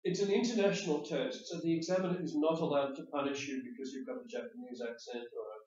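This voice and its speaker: A man's voice: fairly high pitch, quick pace, a little mellow. Patient male teacher in an echoey classroom. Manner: patient, explanatory, repeats words while thinking. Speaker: IELTS speaking teacher giving feedback. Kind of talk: spoken test feedback. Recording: echoey room, distant dull mic.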